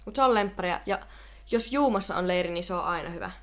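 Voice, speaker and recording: A young woman co-hosting a podcast, chatting casually and leading the questions. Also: medium pitch. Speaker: podcast co-host. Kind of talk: casual tipsy chat.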